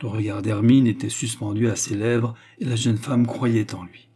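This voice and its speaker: A man reading a classic novel aloud as narrator, in a measured, expressive storytelling manner. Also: on the low side, a little hiss or hum. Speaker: audiobook reader.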